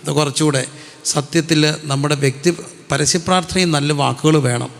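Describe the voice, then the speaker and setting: A man's voice: fairly high pitch, fairly even intonation, vocal fry, big-room sound. A man preaching a sermon as a pastor, asking the congregation questions, answering them himself and calling out hallelujah. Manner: slows right down when reciting prayer lines.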